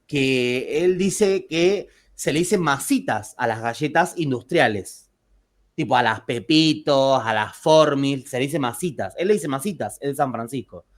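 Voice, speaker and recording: A man with an Argentine Spanish accent, telling joking anecdotes to a class. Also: mid-range voice. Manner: chatty, joking, with frequent restarts. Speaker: teacher.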